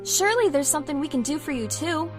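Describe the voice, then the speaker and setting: A gracious, devoted princess pony, acted by a woman, with a fairly high voice. She is gentle yet regal, in radio-play style with soft music behind. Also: lively intonation, quick pace. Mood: tender, gracious. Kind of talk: audio drama acting.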